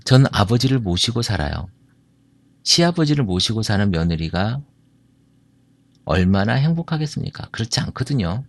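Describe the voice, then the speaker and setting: A man's voice: lowish voice, big pitch swings, moderate pace, pauses often, dry recording. A middle-aged man from the Jeolla region speaks to an audience, telling stories and asking listeners questions. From Jeolla, South Korea. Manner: asks the audience questions, storytelling. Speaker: speaker on marriage and family. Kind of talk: talk to an audience.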